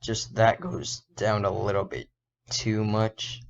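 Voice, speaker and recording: A man explaining an animation as a casual tutorial, thinking aloud and correcting himself, his voice a little hoarse. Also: fairly low pitch, takes it slowly. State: slightly hoarse. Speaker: indie game developer and animator. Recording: dull lo-fi recording.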